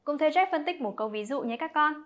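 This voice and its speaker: A woman explaining an English lesson to children, talking to her pupils directly and clearly. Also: high-pitched, expressive, fast.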